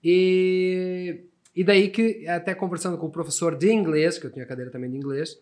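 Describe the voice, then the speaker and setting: His voice is high and a little mellow, with fairly even intonation and a normal speed. A man in his thirties from Portugal with a European Portuguese accent, he tells stories as a podcast guest in an easygoing conversation, often restarting and tacking on tag questions.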